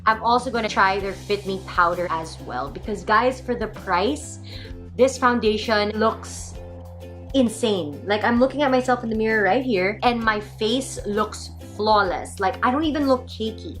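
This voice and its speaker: A woman's voice: medium pitch, normal speed, a bit bright, soft background music, poor audio. A young woman from the Philippines chatting to camera for a beauty vlog, bubbly and chatty, filming with a handheld camera in her car and at home. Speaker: beauty vlogger. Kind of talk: casual vlog chat to camera.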